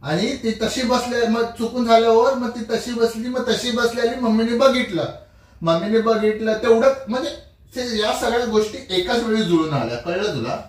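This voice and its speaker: Defensive man in a boomy room. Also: moderate pace. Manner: defensive, pleading. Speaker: husband pulling a prank. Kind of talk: heated domestic argument. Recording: echoey room, from a distance.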